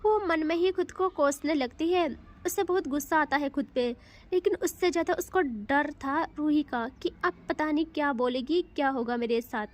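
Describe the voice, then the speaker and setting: A woman's voice: sits high, normal speed. A woman storyteller narrating a romantic audio story in a chatty way, with conversational asides.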